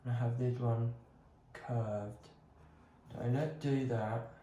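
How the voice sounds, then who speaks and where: Slow, hesitant man in an echoey room. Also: mid-range voice, fairly even intonation, warm tone, dull audio, a little hiss or hum. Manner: hesitant, many ums, talks himself through each step. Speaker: crafting vlogger. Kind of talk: casual talk while working on a bonsai. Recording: roomy echo.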